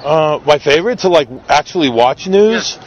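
His voice is a little high and expressive, moving at a moderate pace: a street video creator with a New York accent, out in a city park. Casual and rambling with fillers, he talks with strangers and recaps on video. Slight background noise sits under a dull, lo-fi street recording.

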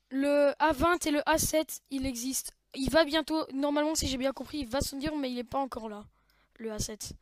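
A woman's voice: high voice, no echo. A woman hosting a casual home-made news show, chatty with frequent restarts. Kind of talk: casual improvised show talk.

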